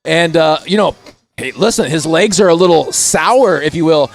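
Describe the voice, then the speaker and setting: Chatty high-voiced race commentator man. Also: moderate pace. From Indiana. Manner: chatty, folksy, keeps saying "if you will". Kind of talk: live bike race commentary.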